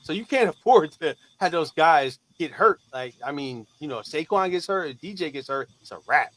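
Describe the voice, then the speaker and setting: A man's voice: a little high, lively intonation, moderate pace, fairly bright tone, rough recording. A man on a casual sports podcast, emphatic and slangy about injuries and rosters. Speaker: podcast co-host.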